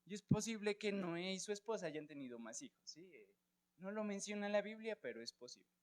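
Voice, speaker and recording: High-voiced Colombian man teaching Bible class. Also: lively intonation, a little fast. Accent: Colombian Spanish. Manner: asks students questions, checks with "¿sí?" and "¿listo?".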